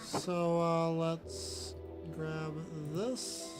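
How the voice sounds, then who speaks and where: Slow, low-voiced woman streaming a game. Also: level tone, loud music behind the voice. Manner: thinks aloud, with frequent "hold on" and sudden surprised exclamations. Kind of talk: casual gameplay commentary.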